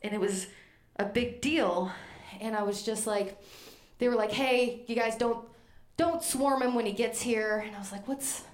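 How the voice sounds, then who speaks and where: Woman storyteller, from Maine, lively and self-mocking, roomy stage sound. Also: a little high, normal speed. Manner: animated, self-deprecating, acts out voices. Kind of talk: live comedic storytelling.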